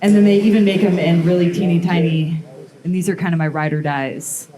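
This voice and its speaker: Brisk and steady, her voice sits on the low side as she, a blacksmith, runs a live metalworking demo in front of an audience. Her talk is loose and rambling, packed with "um" and "like." Crowd noise fills the echoey room.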